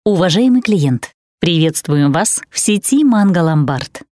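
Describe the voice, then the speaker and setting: A woman's voice: on the low side, measured pace, no room sound, clean studio sound, faint music behind. A woman reading recorded phone greetings and menu options in a polished, courteous manner. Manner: polished, even-paced, courteous. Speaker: voice-over announcer.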